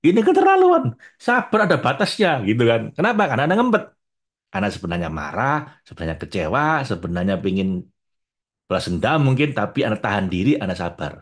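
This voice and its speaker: A man delivers a sermon in a low voice. His pitch leaps and dips, and he moves between loud bursts and near-hushed asides. He keeps speaking directly to the people in front of him. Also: fast talker. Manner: animated, addresses listeners as Bu and Pak, jumps from loud to hushed. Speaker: preacher. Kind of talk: religious talk to an audience.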